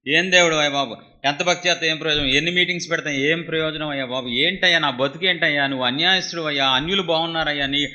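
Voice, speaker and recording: Guy doing a grumbling believer moaning at god, fast whiny bright voice. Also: a little high, lo-fi sound. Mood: whining complaint. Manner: whining, grumbling, rapid. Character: bitter complaining churchgoer.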